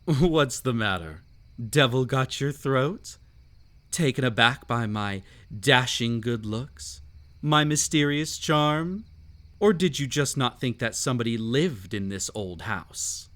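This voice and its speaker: In a scripted audio-drama roleplay, a man plays a mysterious, sinister gentleman of a haunted estate, teasing his listener with whimsical menace. He speaks slowly, theatrically and with animation, his pitch swooping playfully through drawn-out phrases in a playful, amused mood.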